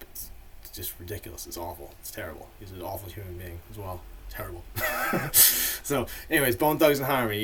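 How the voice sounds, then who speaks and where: A man's voice: lowish voice, fairly bright tone, a little hiss or hum. A man in a casual, rambling monologue full of fillers, giving his opinions as the host of a ranking video.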